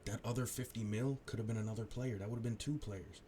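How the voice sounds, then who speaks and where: A man's voice: lowish voice, fairly even intonation, fast talker, dark tone, slight background noise. A man streaming live, ranting bluntly about football with a lot of swearing. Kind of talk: profane live-stream rant.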